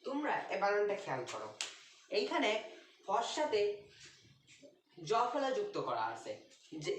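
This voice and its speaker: Woman teacher, patient and unhurried, recorded from a distance in an echoey room. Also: mid-range voice, wildly swooping pitch. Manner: patient, drawn-out, writing as she talks. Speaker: English pronunciation teacher. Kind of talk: explanatory lesson at a board. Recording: roomy, distant, faint noise.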